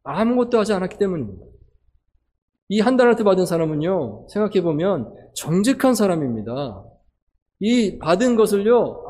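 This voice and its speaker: A man's voice: sits high, a little mellow, in a large hall. A man preaching a sermon, asking his listeners questions and acting out the voices he quotes. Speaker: pastor.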